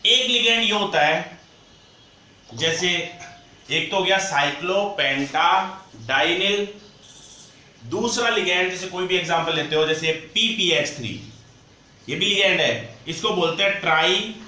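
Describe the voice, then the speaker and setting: A man's voice: high voice, lively intonation, pushed and bright, distant mic. Man teaching chemistry in an echoey room. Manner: repeats key terms slowly, asks the class questions. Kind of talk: whiteboard chemistry lesson.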